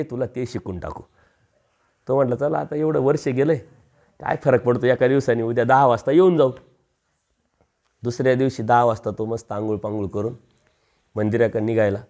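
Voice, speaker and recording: A man's voice: medium pitch, darkish tone. A man preaching a storytelling sermon, acting out the voices of a village parable and rising for emphasis.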